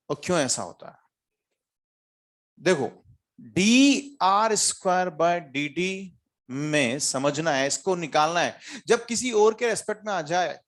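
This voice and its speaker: A man teaching a physics class to students, questioning them often and mixing in English terms. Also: a little high. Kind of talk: classroom lecture.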